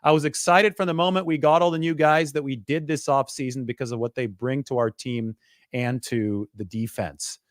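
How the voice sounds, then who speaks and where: A man's voice: mid-range voice, fairly even intonation, dry recording, studio quality. Man breaking down football stats. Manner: quick, stat-heavy, conversational. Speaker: sports reporter. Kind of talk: sports analysis monologue.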